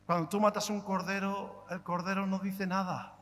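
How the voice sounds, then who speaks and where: A man delivers a fervent sermon in a high, bright voice. He presses his listeners with rhetorical questions and moves near-shouts to hushed lines. His voice rings with the long reverb of a large church hall. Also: level tone, moderate pace. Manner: impassioned, rhetorical questions, swings between loud and hushed. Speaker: preacher.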